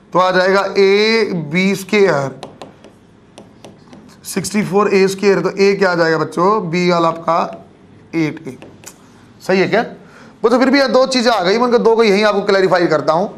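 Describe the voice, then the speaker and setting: A man with a high-pitched voice and a Haryanvi Hindi accent lectures on physics to a class. He speaks in a steady classroom style, keeps calling his students "kids" and checks in with them as he explains. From Haryana, India. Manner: addresses students as kids, frequent check-ins. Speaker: physics teacher.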